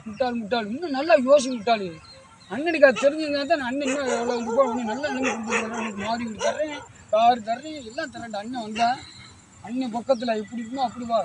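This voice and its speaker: A man playing a high-voiced, exasperated scolding boss. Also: fast, crowd noise. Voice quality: scolding, exasperated elder-brother manner. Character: irritable man scolding his foolish helper. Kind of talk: web series comedy acting. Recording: outdoor recording with clear background noise.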